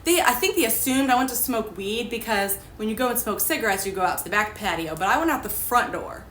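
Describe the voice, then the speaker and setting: A woman's voice: a little high, animated, quick pace, a bit bright, a little hiss or hum. A young woman, a ministry host, telling her personal testimony in a chatty, candid way, laughing at her past. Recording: echoey room with faint ambience.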